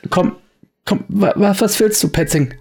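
A man's voice: sits high, a little slow, vocal fry, a little mellow, slightly rough, pitched above the performer's own voice, heavily acted. A man voicing a nervous, stammering male bar owner, pleading and anxious.

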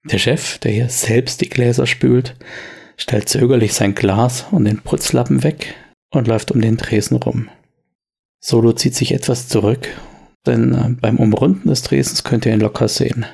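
A man's voice: mid-range voice, fairly even intonation, moderate pace, vocal fry, darkish tone, breathy edge. A man narrating a tabletop role-playing game as game master, telling the scene in tense, descriptive storytelling.

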